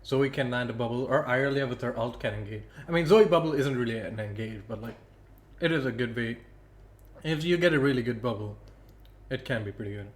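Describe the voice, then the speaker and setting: A young man casting a student esports tournament alone on a stream, chatty and self-deprecating, thinking out loud between picks. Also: mid-range voice, brisk. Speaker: esports caster. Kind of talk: solo livestream commentary.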